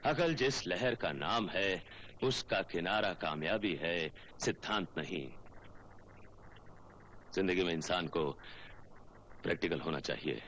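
An actor playing a cynical middle-aged senior lawyer who lectures slowly and slyly, in 1980s film drama dialogue. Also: male voice, sits low, expressive, fairly bright tone, highs cut off, slight background noise, heavily acted. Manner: lecturing, sly, drawn-out delivery. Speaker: senior lawyer heading a law office.

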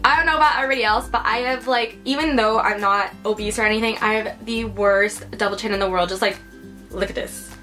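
A woman's voice: on the high side, steady tone, fast, few pauses, bright, forceful tone, soft background music. A young American woman in her twenties, chatting upbeat to camera in a casual beauty haul, full of "like" and "you guys". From United States. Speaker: beauty vlogger. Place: her room indoors.

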